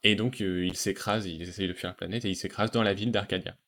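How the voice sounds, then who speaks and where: A man hosting a relaxed podcast conversation, talking enthusiastically about animated series with frequent fillers and restarts. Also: sits low, fast talker. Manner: enthusiastic, hesitant with many fillers. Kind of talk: casual chat.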